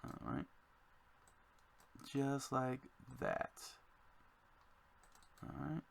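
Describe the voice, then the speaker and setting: A man designing a card game, thinking aloud to himself in a slow, musing way as he works. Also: mid-range voice, level tone, vocal fry, slight background noise.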